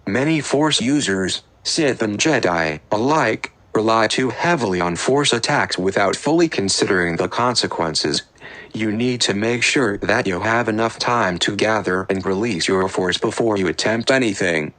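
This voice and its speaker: A man voicing a cool, slow-spoken female Sith master who calmly lectures her apprentice in a fan-made audiobook. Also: fairly low pitch. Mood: stern lecturing. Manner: calm, instructive, measured.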